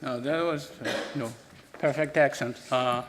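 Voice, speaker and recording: A man giving an academic conference talk, hesitant and halting, often repeating words. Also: medium pitch, slight background noise. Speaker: conference speaker. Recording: long reverb in a lecture hall.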